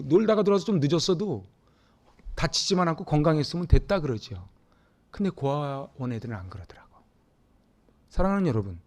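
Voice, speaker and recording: A middle-aged Korean man from Seoul preaching a Sunday sermon as pastor, talking with the congregation and swinging between loud emphatic peaks and hushed, near-whispered asides. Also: mid-range voice. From Seoul, South Korea. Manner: conversational, asks the congregation questions.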